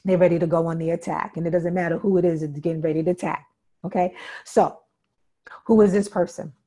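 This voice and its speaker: A woman's voice: on the low side, fairly even intonation, brisk, dark tone. A woman instructor giving an interactive workshop talk, emphatic and repeating key points while often checking in with her listeners. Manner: emphatic, checks in with "okay?" and "right?".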